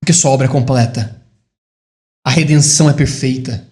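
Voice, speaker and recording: Um homem brasileiro pregando um sermão, alternando declarações enfáticas que sobem com comentários baixos e reflexivos. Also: male voice, steady tone, moderate pace, reverberant. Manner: rises to emphatic high declarations, drops to quiet reflective asides. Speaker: preacher. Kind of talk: sermon.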